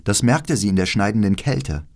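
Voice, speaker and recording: A man reading a fairy tale aloud as an audiobook narrator, with measured, expressive storytelling. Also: on the low side.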